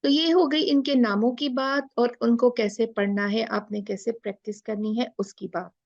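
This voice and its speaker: A woman teaching Quran recitation in a live online class, slow and patient, stretching out letter sounds and mixing in English phrases. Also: fairly high pitch, fairly even intonation, no echo, dull audio. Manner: mixes Hindi-Urdu with English phrases.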